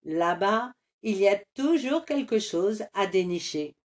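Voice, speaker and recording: A woman narrating an animated children's series in a gentle, measured storytelling manner. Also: medium pitch.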